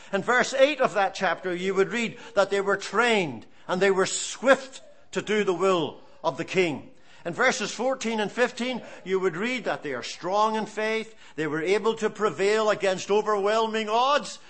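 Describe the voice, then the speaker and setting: Speaking at a moderate pace in a voice that sits high, a preacher from Ireland in his seventies delivers his sermon as animated stories and earnest appeals.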